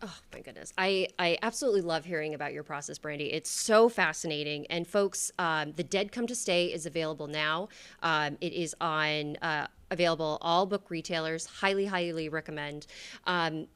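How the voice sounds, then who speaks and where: A woman's voice: sits low, normal speed, a bit bright, clean tone. A woman hosting an author interview, enthusiastic and affirming as she asks questions. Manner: enthusiastic, frequent affirming murmurs. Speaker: host. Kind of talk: interview host.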